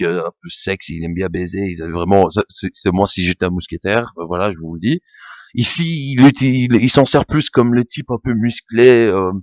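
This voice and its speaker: A man's voice: fairly low pitch, dry recording, dull audio. A young man hosting a podcast, ranting casually about a film, stammering, repeating himself and swearing often. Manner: rambling, stammering, swears a lot. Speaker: podcast host.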